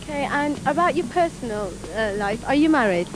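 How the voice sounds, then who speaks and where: A woman's voice: high voice, expressive, fairly quick, rough recording. A woman presenting a TV programme, asking an interviewee plain questions.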